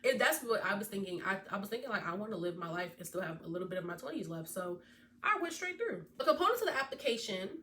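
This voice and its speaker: A woman's voice: medium pitch, fast. Chatty young woman giving casual advice. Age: 20s. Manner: chatty, animated, speaks directly to viewers. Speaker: veterinary student vlogger. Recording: distant mic with faint background noise.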